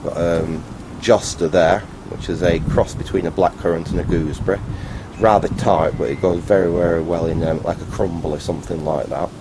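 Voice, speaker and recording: A vlogger and hobbyist restorer gives a casual, unscripted video tour, talking off the cuff as though showing someone around. His low voice keeps a steady tone, and his delivery is halting and rambling yet matter-of-fact. The handheld recording has clear background noise.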